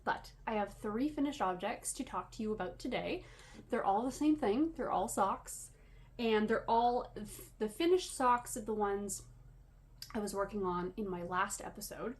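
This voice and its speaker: With a medium-pitched voice at a moderate pace, this yarn dyer from Canada hosts her podcast in a casual, rambling way. She sounds a bit wheezy and breathless, pokes fun at herself, and the room noise behind her is clearly audible.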